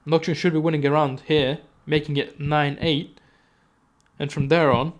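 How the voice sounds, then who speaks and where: A male esports caster calls a live match in rapid play-by-play, stumbling over words and correcting himself as he goes. His voice sits slightly higher than most men's, and he breaks off into casual asides between the action. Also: lo-fi sound. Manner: rapid, self-correcting, chatty asides, sudden excited outbursts.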